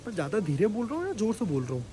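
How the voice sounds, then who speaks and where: A talkative young man with a high voice chats his way through a casual, rambling vlog. He jokes as he goes, recorded on a phone outdoors. Traffic noise runs clearly behind him. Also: huge pitch swings, racing. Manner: chatty, rambling, jokey. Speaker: vlogger. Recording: noisy street with passing traffic.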